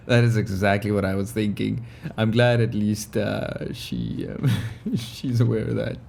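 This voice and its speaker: A man's voice: lowish voice, steady tone, unhurried, creaky, a little mellow, a little hiss or hum. A man hosting a gaming video, giving casual, laid-back, musing commentary as he plays.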